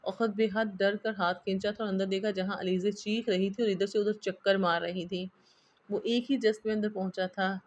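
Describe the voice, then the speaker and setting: A woman's voice: medium pitch, fairly even intonation, moderate pace, muffled recording. Woman narrating a romance novel. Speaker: novel reader. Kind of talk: storybook narration.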